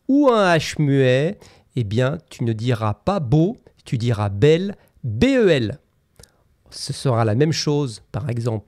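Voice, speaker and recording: A man teaching common mistakes in a scripted lesson, saying each example sentence slowly and carefully. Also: medium pitch, darkish tone, no room sound, studio quality. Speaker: French teacher.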